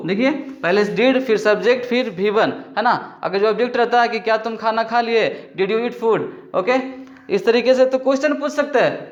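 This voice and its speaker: High-voiced Indian man teaching grammar. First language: Hindi. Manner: explains step by step with frequent "है ना" checks. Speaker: English teacher. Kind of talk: spoken grammar lesson. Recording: echoey, dull lo-fi room recording.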